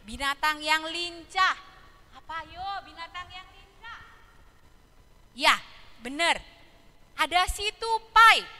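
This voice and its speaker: Woman, children's church teacher; animated storyteller, quizzes the kids; very high pitch, bright tone. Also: long reverb tail, a little hiss or hum. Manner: animated, asking children questions. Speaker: Sunday school teacher. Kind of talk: telling a Bible story to small children.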